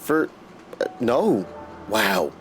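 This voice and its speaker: A man streaming a video game chats casually and warmly with viewers, his lowish voice sing-song and very slow. Music plays in the background.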